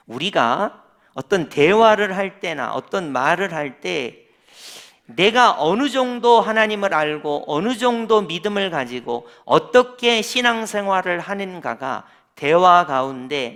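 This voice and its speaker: A middle-aged man preaching a sermon from the pulpit, his voice sitting a little high for a man. He acts out bits of dialogue and keeps turning to the congregation with questions. It is a Sunday service in a church sanctuary. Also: lively intonation, measured pace, fairly bright tone. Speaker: senior pastor.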